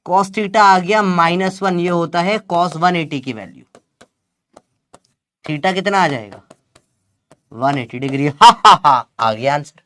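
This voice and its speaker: A young man teaches physics in a chatty, teasing classroom lecture full of Gen Z slang, calling his students beta. His voice is on the high side and fairly bright, he takes it slowly with frequent pauses, and the recording is dry.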